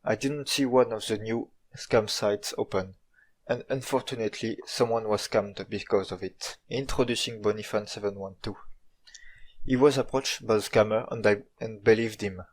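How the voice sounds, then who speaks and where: Man, French accent, native French speaker, lowish pitch, informal video narration, dry tongue-in-cheek storytelling. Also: steady tone, normal speed, poor audio. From France.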